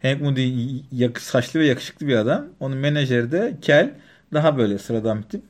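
A man's voice: medium pitch, animated, brisk. A man co-hosting a radio show, chatting casually and laughing often with his partner. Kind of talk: casual banter on air.

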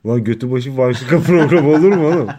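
A man's voice: mid-range voice, a little fast, warm tone. A man co-hosting a radio show, joking and teasing in crude casual slang. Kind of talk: casual banter on air.

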